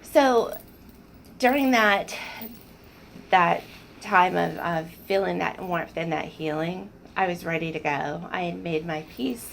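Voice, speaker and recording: A woman's voice: fairly low pitch, slow pace, vocal fry, a little hiss or hum, poor audio. A woman telling personal stories in an earnest, emotional way, often restarting her sentences. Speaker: spiritual speaker sharing personal stories. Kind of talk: casual personal storytelling.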